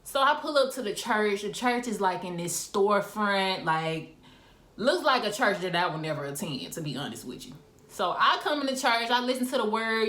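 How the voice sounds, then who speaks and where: Young woman telling her story, roomy echo. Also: fairly high pitch. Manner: candid, animated storytelling with asides and laughs. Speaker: vlogger. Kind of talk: casual storytime chat. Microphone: phone camera.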